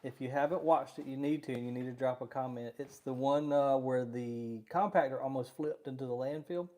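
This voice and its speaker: A man's voice: medium pitch, fairly even intonation, brisk, warm tone. Easygoing middle-aged man on a live stream. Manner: easygoing, rambling, laughs often. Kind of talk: casual live-stream chat.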